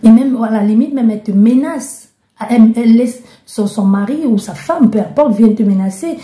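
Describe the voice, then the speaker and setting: A woman from Belgium gives a tarot guidance reading, addressing the listener directly, intense and full of restarts. Her voice sits fairly high but sounds very dark and mellow. The room around her rings with echo. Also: normal speed. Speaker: tarot card reader. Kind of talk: spoken card-reading guidance. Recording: echoey room.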